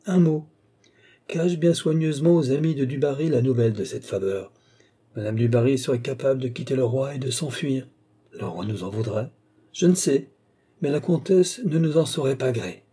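A man's voice: mid-range voice, moderate pace, warm tone, husky, lightly acted. A man voicing an aged, mannered court duke who mocks and lectures in an affected, theatrical way. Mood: sly mocking.

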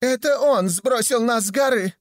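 A man voicing a cunning female fox in a storybook reading, shrill and excited. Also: normal speed, no room sound, studio quality. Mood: alarmed.

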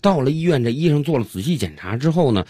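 A man's voice: mid-range voice, big pitch swings, fast, dark tone, breathy edge, no echo, studio quality. Chatty man telling radio jokes. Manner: chatty, colloquial. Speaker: radio comedy host. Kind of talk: storytelling jokes.

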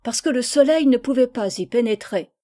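A woman's voice: on the high side, normal speed, close to an everyday voice. A woman doing an eager keen schoolboy. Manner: excited, blurting. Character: eager schoolboy bursting to answer.

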